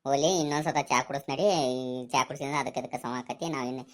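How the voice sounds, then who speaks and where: A pushy young village friend, played by a woman, coaxes and wheedles in a low, quick voice. He has a North Karnataka Kannada accent and the easy patter of a comic skit. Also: fairly even intonation.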